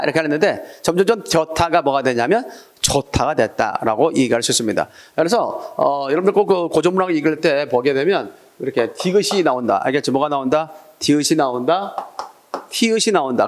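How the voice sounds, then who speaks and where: Male lecturer, middle-aged, slightly high voice, exam-prep class, drills students with call-and-response questions.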